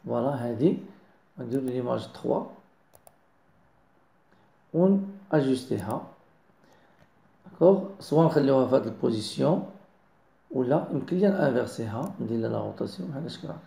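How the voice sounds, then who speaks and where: Fast, gravelly Moroccan man explaining. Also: medium pitch, animated, dark tone, reverberant. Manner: mixes French into explanations, keeps checking understanding. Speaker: design tutor. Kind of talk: screen-recorded software tutorial.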